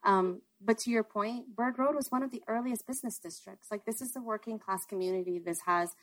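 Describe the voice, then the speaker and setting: A woman's voice: fairly high pitch, brisk, poor audio. A woman from Miami co-hosting an interview, chatting casually about her city with many fillers. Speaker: co-host.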